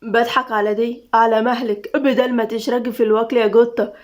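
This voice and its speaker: A woman's voice: on the high side, flat delivery, a little fast, close to an everyday voice. A woman voicing a shy, polite young male guard with an Egyptian accent in an audio story. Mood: gentle. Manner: polite, nervous, warm.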